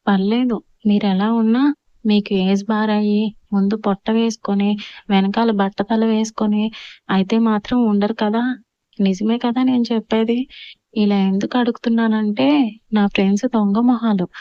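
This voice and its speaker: A woman's voice: medium pitch, clear, resonant tone, no echo, muffled recording, close to an everyday voice. A woman voicing a talkative, innocent young bride rambling to her husband.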